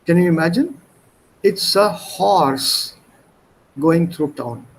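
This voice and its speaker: A man teaching an online German class on a video call, drawing out words slowly as he quizzes students on stress, and switching between German and English. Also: fairly high pitch, low-quality recording.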